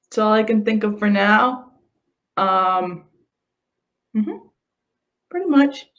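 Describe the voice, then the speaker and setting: A woman's voice: medium pitch, lively intonation, slow pace, fairly bright tone. A woman co-hosting a casual live stream, swearing freely, saying y'all and laughing often. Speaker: podcast co-host.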